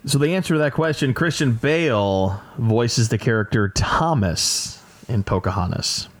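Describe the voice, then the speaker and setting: Speaking a little slowly in a mid-range voice, the same casual podcast co-host runs his trivia game as quizmaster. He keeps the game-show hosting light with dry jokes at his own expense.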